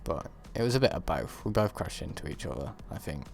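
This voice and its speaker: A man's voice: sits low, big pitch swings, fairly quick, gravelly, faint music behind. A man co-hosting a casual chat, blunt and playful, swearing freely. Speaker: co-host.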